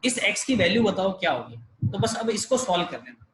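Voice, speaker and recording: A man's voice: sits high, sing-song, a little fast, fairly bright tone, slight background noise, rough recording. A man teaching a math class over a video call, explaining each step patiently. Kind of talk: online math lesson.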